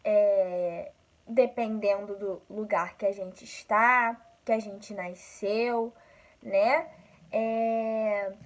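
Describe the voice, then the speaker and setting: A woman from Rio de Janeiro with a Carioca accent, teaching a school lesson slowly and patiently, often checking in with her listeners. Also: fairly high pitch, low-quality recording. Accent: Carioca Brazilian Portuguese. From Rio de Janeiro, Brazil.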